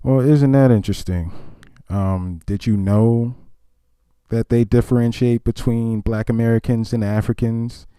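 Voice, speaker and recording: A man hosting a reaction commentary, explaining in a calm, measured way. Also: medium pitch, clear, resonant tone, no room sound. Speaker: commentary channel host.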